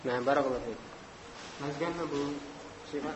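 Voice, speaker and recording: A man's voice: on the high side, steady tone, fairly quick, background noise. A man teaching an Arabic grammar class, patiently calling on students by name and mixing in Arabic phrases. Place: study hall with students. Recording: dull recording with long hall reverb.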